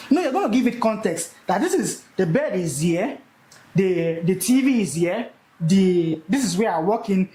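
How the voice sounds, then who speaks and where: Animated young man teaching in an echoey room. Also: sits high. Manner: animated, repeats key words for emphasis. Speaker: speaker teaching a live session. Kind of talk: energetic classroom teaching.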